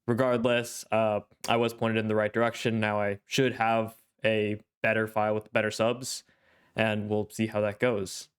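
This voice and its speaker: A young man runs an anime reaction channel, offering casual solo commentary that's thoughtful and rambling, full of fillers. His voice is on the low side with a level tone and moderate pace, and he sounds congested, with a throat that needs clearing.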